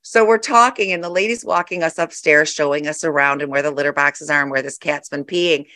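A woman co-hosting a casual chat who tells lively stories about her pets and clients. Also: sits low, fairly quick, no room sound, studio quality. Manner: animated storyteller, acts out animals' lines.

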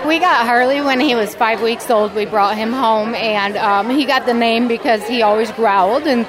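A woman's voice: on the high side, moderate pace, poor audio. A woman giving a casual interview as a dog owner. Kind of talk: casual chat. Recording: busy crowd chatter behind. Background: crowd chatter.

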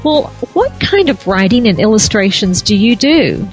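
A woman's voice: mid-range voice, sing-song, moderate pace, faint music behind. A woman hosting a radio show, interviewing a guest in a conversational way.

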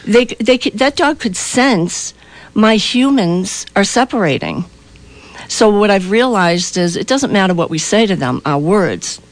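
A woman telling a story earnestly as a guest on a radio interview. She talks emphatically and quickly, pressing on each point. Her voice sounds dry and close, with no room sound around it. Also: mid-range voice, animated, no room sound. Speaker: animal communicator guest.

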